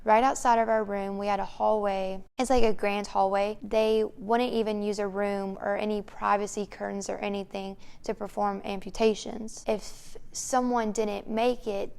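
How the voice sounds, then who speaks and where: A woman's voice: mid-range voice, gravelly, darkish tone, clean tone. A woman co-hosting a vlog, telling a story casually and matter-of-factly in a room of an old house. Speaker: vlog co-host. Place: room inside an old mansion.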